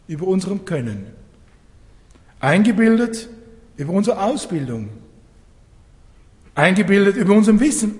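Man preaching, high voice, emphatic, rhetorical questions, long hall reverb. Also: darkish tone. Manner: emphatic, rhetorical questions, drops low for solemn points. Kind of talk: sermon.

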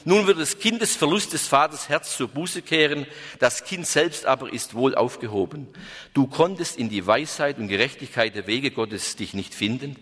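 A man voicing a solemn male angel who travels in disguise as a companion, speaking slowly and low in a reverberant hall. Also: fairly bright tone, close to an everyday voice. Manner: slow, low, stern.

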